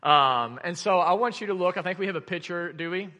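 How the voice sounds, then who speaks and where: A man with an Arkansan accent preaching a sermon to a congregation, emphatic, with dramatic drops and pauses. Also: high voice, bright, forceful tone. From Arkansas, United States. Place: large room, preaching to a congregation. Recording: long reverb of a large room.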